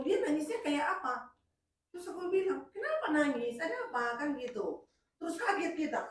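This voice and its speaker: Middle-aged woman, lively storyteller at a workshop; a bit high, recorded far off in a very echoey room. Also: a little hiss or hum. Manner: animated storytelling, jumps in pitch and loudness. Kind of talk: casual speech at a group session.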